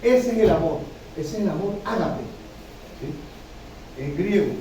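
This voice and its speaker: In a church hall, a pastor with a high, expressive voice of dark tone preaches slowly, captured from far off in an echoey room with slight background noise. He repeats himself throughout and frequently checks in with his listeners by asking "¿sí?".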